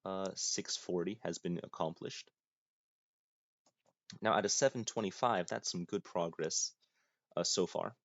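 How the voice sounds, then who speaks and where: A man's voice: sits low, unhurried, pauses often, dry recording. A young man giving casual gameplay commentary, muttering to himself and joking at his own expense in a dry, self-mocking way. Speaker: gaming YouTuber. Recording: dull lo-fi, dry.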